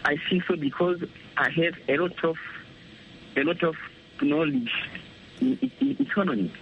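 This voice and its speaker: A man's voice: on the high side, very animated, moderate pace, gravelly, dull audio, a little hiss or hum. A man in his twenties practicing English on a call, hesitant and repeating words as he searches for them. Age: 20s. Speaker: caller. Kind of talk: casual language practice chat.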